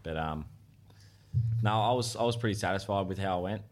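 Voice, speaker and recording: A man's voice: deep voice, a little fast. A young Australian man chatting casually as an interview guest, with a modest, hesitant way of talking. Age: young adult. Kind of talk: casual chat.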